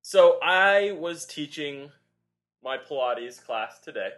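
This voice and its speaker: A young adult man who co-hosts a fitness podcast and works as a Pilates instructor tells a long, rambling story full of filler during a casual chat. His voice is a little high, expressive, slow, and fairly bright.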